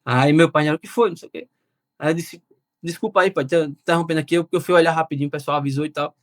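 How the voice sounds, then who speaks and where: A young man, telling his story as a guest in a casual, animated way. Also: on the high side, quick pace, no room sound, studio quality. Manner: animated, quotes himself and relatives. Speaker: interview guest.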